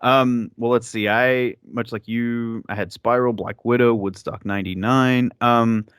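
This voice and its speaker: A man's voice: medium pitch, steady tone, unhurried, clear, resonant tone, no room sound, studio quality. A man hosting a podcast, chatting casually about movies in a rambling way with lots of fillers. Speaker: podcast host.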